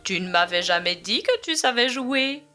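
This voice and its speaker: A woman's voice: on the high side, expressive, moderate pace, sharp tone, soft background music. A woman voicing a worried young mother in a storybook reading. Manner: fretful, then giggly.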